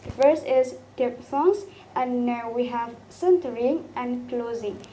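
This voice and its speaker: A young woman giving a student presentation, slowly sounding out each example vowel twice. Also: fairly high pitch, warm tone, a little hiss or hum. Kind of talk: classroom presentation.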